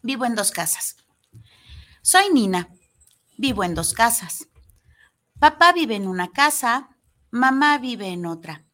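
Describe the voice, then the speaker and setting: A woman reading a storybook aloud as a little girl, in a soft, gentle storytelling voice. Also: on the high side, big pitch swings, takes it slowly, pauses often, heavily acted. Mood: wistful. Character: little girl Nina, sad but gentle child.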